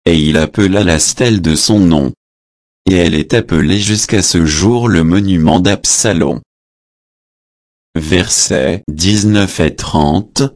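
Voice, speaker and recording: A man reading scripture aloud in a measured, solemn way, announcing verse numbers and adding short translation notes. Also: deep voice, no room sound, studio quality. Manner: adds short translation notes between passages.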